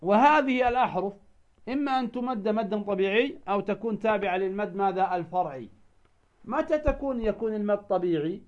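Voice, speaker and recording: A man teaching recitation rules who poses questions and then answers them, now and then chanting verses slowly. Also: high-pitched, dull audio. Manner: asks the listener a question, then answers it himself. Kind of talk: tajweed lesson.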